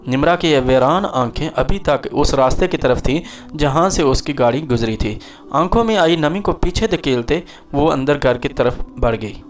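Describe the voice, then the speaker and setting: A man reading a dramatic romance story aloud as a storyteller, in a steady, even way. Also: on the high side. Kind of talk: scripted story narration. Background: soft background music.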